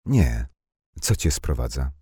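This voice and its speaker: Man playing a reserved grown woman, quiet, measured, very deep dark voice, dry audiobook sound. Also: big pitch swings, slightly rough, no echo, exaggerated voice. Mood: calm. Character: calm, reserved grown woman hiding in a village.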